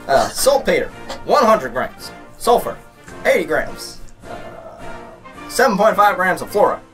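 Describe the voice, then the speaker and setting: A young man doing an impression voice of a solemn statesman, formal and halting, reading out a list. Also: high-pitched, sing-song, fairly bright tone, faint music behind, full character voice. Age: young adult. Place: plain small room indoors.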